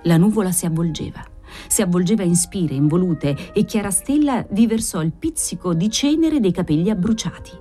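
A woman reading a literary novel aloud in a measured, expressive storytelling manner. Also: lowish voice, soft background music. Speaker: audiobook reader. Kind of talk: literary narration.

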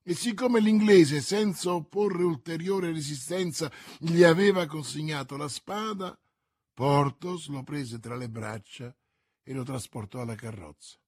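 A man narrating a classic novel aloud in a steady, measured storytelling manner. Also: a little high, slightly rough, no echo, studio quality. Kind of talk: audiobook reading of a classic novel.

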